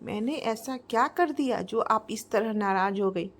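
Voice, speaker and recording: Storybook role: a patient young daughter-in-law, soft and pleading, read by a woman narrator. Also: on the high side, unhurried.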